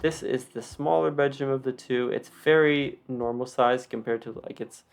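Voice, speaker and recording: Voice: medium pitch, moderate pace, gravelly. A video creator with a slight lisp from wearing retainers gives a casual, unscripted tour commentary with rambling, self-deprecating asides. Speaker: video creator giving a game build tour.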